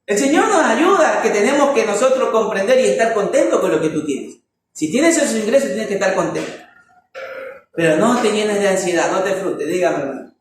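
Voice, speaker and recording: A man teaching a Bible lesson in an emphatic preaching style, stressing words with sharp rises and asking rhetorical questions. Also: high-pitched, expressive, fairly quick. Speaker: Bible teacher leading a church economics class. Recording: echoey room, voice from far off, faint noise.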